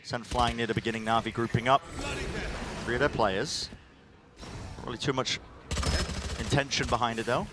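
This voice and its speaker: A man's voice: mid-range voice, fairly even intonation, normal speed, long pauses, noisy background. A man working as an esports caster, calling live play in urgent, clipped running commentary.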